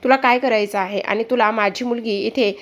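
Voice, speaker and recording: A woman's voice: on the high side, steady tone, a little fast, close to an everyday voice. A woman voicing an indignant, protective mother asking reproachful questions in a retold serial.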